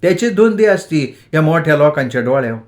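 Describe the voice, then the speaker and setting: A man puts on a fond village mother in a storybook reading, her voice lifted well above his own and sounding lively. She coaxes and chides in homely country speech, scolding only out of love. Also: fairly high pitch, brisk, pitched above the performer's own voice, natural voice. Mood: coaxing, tender. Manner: coaxing, chiding village dialect. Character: affectionate rural village mother, scolding tenderly. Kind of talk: dramatized audiobook storytelling.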